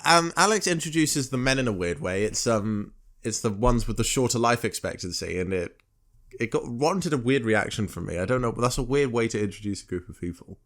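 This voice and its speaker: A guy rambling along on a podcast mic, plenty of "uh"s and restarts, voice sitting at an ordinary middle pitch. He sounds like a relaxed co-host recapping a show to a friend. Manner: halting, filler-heavy, self-correcting. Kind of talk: casual chat recapping a TV episode.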